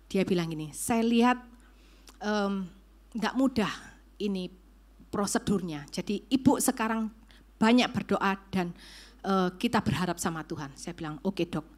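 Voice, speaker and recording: A woman's voice: medium pitch, unhurried, long pauses. A woman preacher, telling a personal story in a sermon and acting out the dialogue. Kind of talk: sermon testimony. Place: church service.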